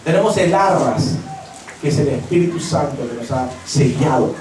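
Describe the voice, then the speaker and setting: Peruvian pastor preaching in an echoey church. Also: male voice, fairly high pitch, expressive, normal speed, a little mellow, far from the mic, slight background noise. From Peru. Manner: impassioned preaching, acting out quoted voices. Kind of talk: sermon. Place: church hall.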